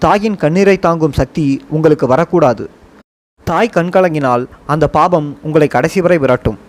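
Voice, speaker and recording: A man reading a first-person memoir audiobook in a measured, reflective storytelling manner. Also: on the high side, darkish tone. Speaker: audiobook narrator. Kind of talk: scripted first-person narration.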